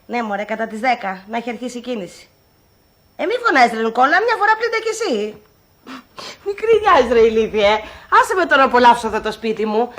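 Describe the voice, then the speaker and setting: An actress playing a sharp-tongued woman faking illness, with a brash, mocking, melodramatic manner, in a film comedy. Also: on the high side, big pitch swings.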